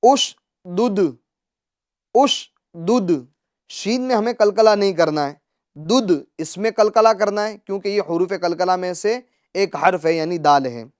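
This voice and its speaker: A Quran teacher on a televised reading lesson who recites words slowly and drawn out, then explains briskly, asking questions and answering them. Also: medium pitch.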